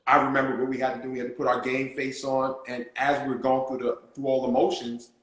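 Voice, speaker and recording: Calm man in a very echoey room. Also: mid-range voice, fast talker. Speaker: laughter yoga teacher. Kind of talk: casual chat.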